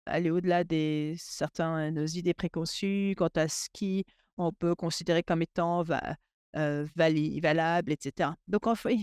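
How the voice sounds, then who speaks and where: High, smooth-voiced male interpreter. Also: steady tone, darkish tone, no echo, studio quality. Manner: halting, with frequent restarts and fillers. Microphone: remote webinar audio.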